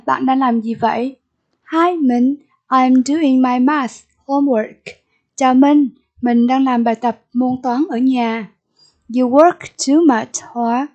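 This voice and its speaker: Slow, high-voiced Vietnamese woman teacher. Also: a little mellow, muffled recording. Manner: repeats each word slowly, then gives the meaning and stress. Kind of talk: recorded English vocabulary lesson.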